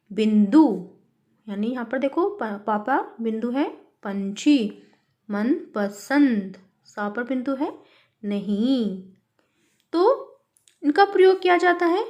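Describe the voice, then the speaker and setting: High-voiced teacher talking to children. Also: female voice. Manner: addresses the children warmly as "beta", asks and answers her own questions. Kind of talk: worksheet lesson for children.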